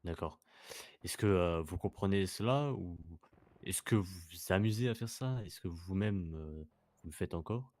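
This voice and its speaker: A man hosting a role-play news interview, asking polite questions in a hesitant, halting way. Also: low-pitched, darkish tone. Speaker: interviewer, host.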